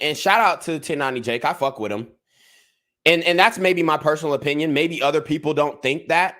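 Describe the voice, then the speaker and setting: A man's voice: fairly high pitch, a bit bright. A young man giving a heated commentary rant on a livestream, repeating himself and restarting as he gets worked up. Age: young adult. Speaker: YouTube commentator.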